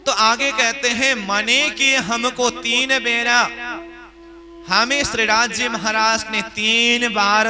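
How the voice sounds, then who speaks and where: Man, high voice, slow and deliberate, devotional discourse with chanted verses. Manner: slow, expounding verses, chanting quoted lines. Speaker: spiritual discourse speaker.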